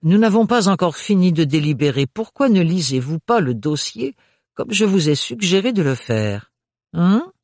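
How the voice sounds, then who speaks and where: A man's voice: on the high side, very animated, normal speed, darkish tone, no room sound, pitched above the performer's own voice. A man putting on a fussy, affected court official in a storybook, his voice raised and sugary, cooing every phrase. The recording is close and dry. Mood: honeyed. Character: mannered, honeyed male court official.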